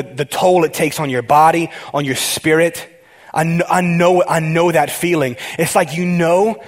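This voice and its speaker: High-voiced, excitable male preacher. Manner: excitable, talks straight to the congregation with frequent restarts. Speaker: pastor. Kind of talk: conversational sermon.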